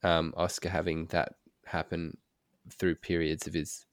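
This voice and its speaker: Deep-voiced dad co-hosting a podcast. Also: male voice, little pitch movement, measured pace, dry recording, clean studio sound. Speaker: podcast co-host, father. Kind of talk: casual podcast chat.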